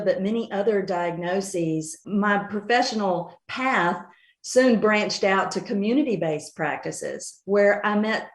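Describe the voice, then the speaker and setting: A middle-aged woman with an Appalachian accent from Western North Carolina, answering conversationally as an interview guest. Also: medium pitch. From Western North Carolina mountains, USA. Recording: roomy, echoing sound.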